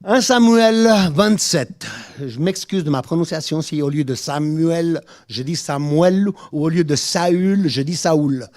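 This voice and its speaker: A man's voice: on the high side, measured pace, darkish tone. A man preaching a sermon in a church, a native Spanish speaker who reads scripture aloud with informal asides and restarts.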